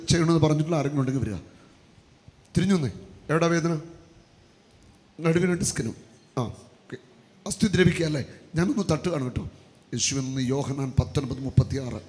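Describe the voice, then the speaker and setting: At the altar of a church retreat hall, a man with a fairly high, slightly mellow voice leads a charismatic healing service. He gives commands and chants repeated prayer lines, and the hall sounds echoey with faint noise.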